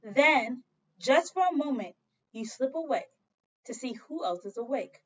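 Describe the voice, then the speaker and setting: A high-pitched, animated woman teaching second grade reads a storybook aloud a little slowly and expressively. She addresses the young children directly with prompting questions and repetition during the read-aloud lesson. The sound is lo-fi.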